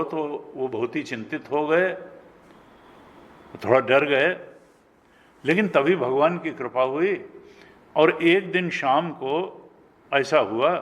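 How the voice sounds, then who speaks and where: Slow, higher-pitched older Indian preacher. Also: male voice, fairly bright tone. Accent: North Indian Hindi. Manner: storytelling, acting out dialogue with rising pitch. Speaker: spiritual teacher. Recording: long hall reverb.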